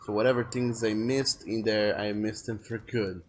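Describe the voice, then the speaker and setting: This French gamer talks over his stream in a loose, rambling way, thinking aloud and restarting sentences as he goes. He has a lowish voice with fairly even intonation and a normal speed, and there's a slight hiss or hum in the audio.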